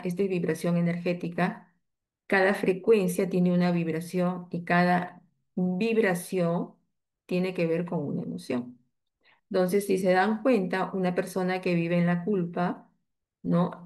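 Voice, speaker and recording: A woman's voice: lowish voice, darkish tone. A middle-aged woman psychotherapist giving a talk, telling stories in a conversational way with frequent fillers and tag questions. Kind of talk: storytelling lecture.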